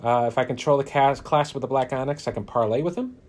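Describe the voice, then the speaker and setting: A man's voice: medium pitch, a little mellow. A man playing a card game alone, reading card text dramatically and chatting casually about his play. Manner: casual, halting with fillers, reads flavor text dramatically. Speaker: solo card game player.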